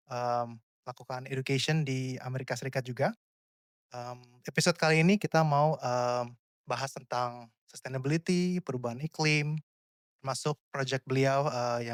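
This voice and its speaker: A man's voice: medium pitch, no echo, studio quality. A man hosting an Indonesian podcast, interviewing a guest casually with many filler hums and English words mixed into his Indonesian. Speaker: podcast host.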